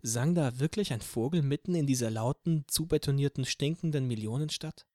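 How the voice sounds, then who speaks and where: A man narrating a novel in the first person as an audiobook, in a steady storytelling manner. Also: medium pitch, brisk, no echo, studio quality. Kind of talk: scripted narration.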